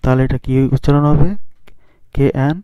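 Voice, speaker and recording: Spelling each word out slowly and pressing the class to pronounce it, a man leads an English reading lesson on phonics rules. He speaks somewhat high, flat and clean-toned. It's a dry recording with a dull, lo-fi sound.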